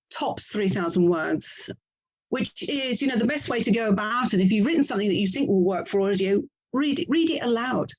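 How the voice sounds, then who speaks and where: The recording is rough, but it captures a woman from England, an author and producer of audio dramas, chatting as an interview guest. Her medium-pitched voice is a little mellow, and she often corrects herself while thinking out loud.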